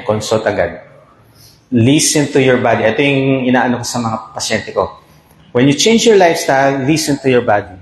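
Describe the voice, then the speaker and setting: A man's voice: mid-range voice, slight background noise. A man with a Filipino accent, a doctor giving a health talk and checking in with his listeners. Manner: explains with repeated "okay?" checks. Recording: echoey room.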